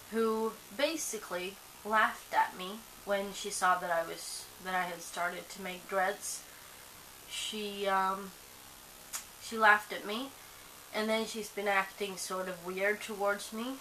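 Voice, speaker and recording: Faint hiss runs under this rough recording of a young woman vlogging casually. Swedish is her first language, and she rambles sleepily with many fillers and restarts. Her medium-pitched voice has a sharp tone.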